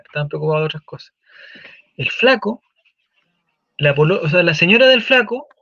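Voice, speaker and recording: Chilean male host, high bright voice, slang-heavy storytelling, dry dull studio sound. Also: dry recording. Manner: animated, swears casually, restarts a lot. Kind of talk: casual chat, storytelling.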